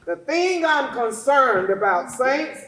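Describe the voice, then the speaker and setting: In a large echoing room with an audience, a woman preaches a call-and-response church sermon, emphatic and repeating phrases for effect, while the congregation responds through the echoey hall. Her voice is high, very animated, fairly bright, and slow-paced.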